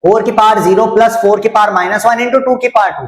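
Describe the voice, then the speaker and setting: A man's voice: high-pitched, fast talker, roomy sound, low-quality recording. A man teaching a maths lesson online, asking the same questions again and again and teasing students who get it wrong. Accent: Hindi. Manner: drills students with repeated questions, scolds jokingly.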